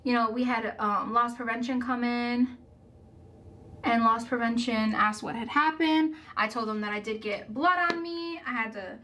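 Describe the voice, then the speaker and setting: A woman's voice: a little high, moderate pace, fairly bright tone, a little hiss or hum. A young woman, a makeup vlogger, telling a dramatic story in a rambling way, full of "like". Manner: rambling, filler-heavy, lots of "like"; breathless, dramatic retelling. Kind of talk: casual storytelling while doing makeup.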